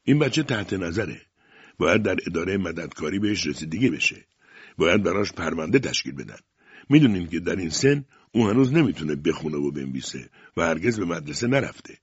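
A man's voice: sits low, sing-song, husky, no room sound, dull audio, full character voice. A man reading an audiobook, voicing a brusque police commissioner who talks in a curt, official way. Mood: stern. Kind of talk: audiobook character voice.

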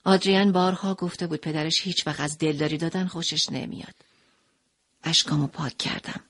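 A woman narrating a dramatic first-person audio story in an expressive way, moving between quiet narration and impassioned passages. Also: low-pitched.

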